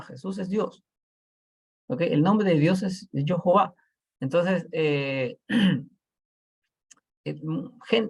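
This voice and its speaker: A man teaches a Bible class over a video call. His voice is gravelly and husky, and it rises and falls in a lively way. He explains step by step and keeps checking that his listeners follow. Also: on the high side.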